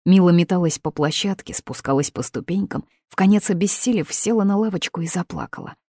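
A woman narrating an audiobook in a steady, even reading. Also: on the low side, a little fast, no echo, studio quality. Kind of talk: scripted narration.

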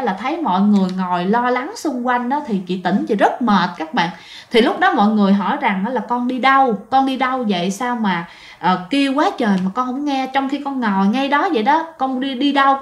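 Woman, casual storytelling, talks to listeners, higher pitch, echoey room. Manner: chatty, addresses listeners directly, frequent drawn-out particles. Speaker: ghost story narrator. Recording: roomy echo.

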